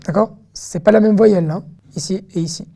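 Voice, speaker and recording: A woman's voice: medium pitch, fairly quick, vocal fry, dark tone. A woman teaching an online reading lesson, patiently sounding out words syllable by syllable and checking in often with her students.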